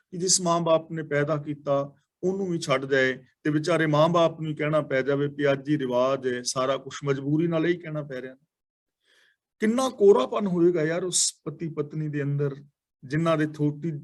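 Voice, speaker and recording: A man teaching a class on Sikh scripture. He reads each verse slowly and then explains it in earnest, repeating its key words. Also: on the high side.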